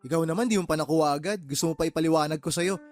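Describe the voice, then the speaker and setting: Racing along in a high, slightly mellow voice, a man lightly acts the part of a furious, fed-up uncle and boss in a Tagalog radio drama. He berates his sister with sarcastic, heated questions over faint background music.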